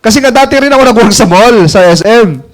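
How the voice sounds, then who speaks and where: Man, high voice, chatty storyteller who laughs a lot and keeps checking in with the crowd. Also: lively intonation, quick pace. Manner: chatty, laughs often, asks listeners "alam mo yung ganun?". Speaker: network marketing mentor telling a story. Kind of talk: casual storytelling talk to an audience. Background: audience laughing.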